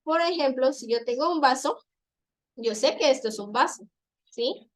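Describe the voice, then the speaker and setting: A woman teacher delivers a classroom lecture in a high, expressive voice. She explains patiently, saying each example slowly and more than once.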